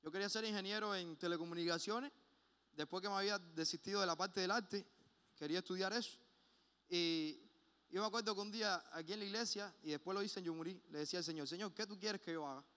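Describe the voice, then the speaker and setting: High bright-voiced preacher in a church. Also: male voice, fast, clean tone. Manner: impassioned, swings between loud emphasis and hushed personal asides. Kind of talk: sermon. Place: church sanctuary. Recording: long hall reverb.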